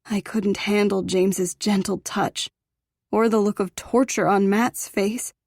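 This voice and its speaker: A woman's voice: mid-range voice, steady tone, measured pace, a little mellow, no room sound, clean studio sound. A woman narrating a first-person romance audiobook in an intimate, emotional reading.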